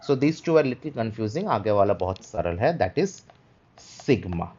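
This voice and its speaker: During a livestreamed lesson on Greek letters, a man patiently switches between Hindi and English, often checking on listeners with a repeated "ठीक है." His medium-pitched voice is very animated yet slow, darkish and slightly rough, and the stream audio sounds dull and lo-fi.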